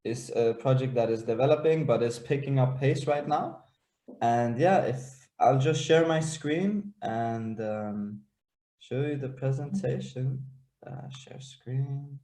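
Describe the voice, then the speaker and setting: A man's voice: medium pitch, takes it slowly, dark tone, roomy sound. A young man from Denmark and Israel, a startup founder presenting on a video call, talking hesitantly with many fillers and restarts.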